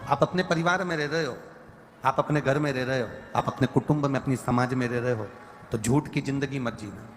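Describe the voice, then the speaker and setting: A man's voice: mid-range voice, fairly quick, faint music behind. A man giving a devotional sermon, preaching emphatically in long repeated lists with rising stressed lines. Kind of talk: Hindi religious discourse. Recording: reverberant hall with faint ambient noise.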